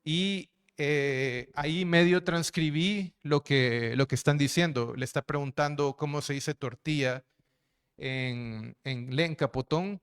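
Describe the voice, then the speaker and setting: A man's voice: a little high, takes it slowly, clean tone. A man giving a lecture as a linguist, explaining slides with frequent fillers and tag questions. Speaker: linguist and researcher giving a talk.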